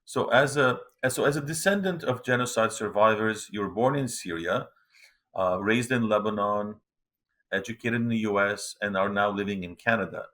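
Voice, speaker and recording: Casting: interviewer, man, lowish voice, measured and formal. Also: a bit bright.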